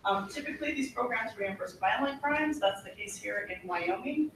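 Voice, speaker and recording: A policy presenter giving a formal, explanatory briefing to a legislative committee, earnest and often pausing on fillers. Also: medium pitch, lively intonation. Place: legislative hearing room. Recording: echoey hearing room from far off, with background noise.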